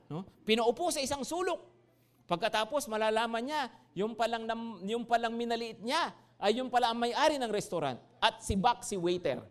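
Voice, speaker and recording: A man's voice: high voice, a bit bright, clear, resonant tone. A Filipino man preaching a sermon as pastor, joking and calling out to the congregation. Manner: humorous, calls out to the congregation.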